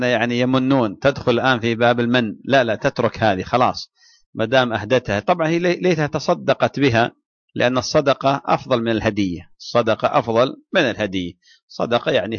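A man, an Islamic scholar, answering listeners' questions in a religious lecture, measured and deliberate with frequent restarts. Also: mid-range voice, no room sound, muffled recording.

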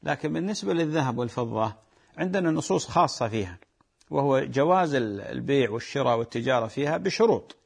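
A man's voice: medium pitch, expressive, quick pace, creaky, breathy edge. A man with a Gulf Arabic accent, an Islamic scholar answering callers' religious questions in a patient, explanatory way that repeats key points. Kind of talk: religious call-in Q&A.

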